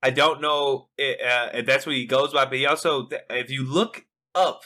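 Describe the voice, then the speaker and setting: A man co-hosting a casual anime review podcast, animated and profane, often restarting his sentences. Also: mid-range voice, normal speed. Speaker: podcast co-host.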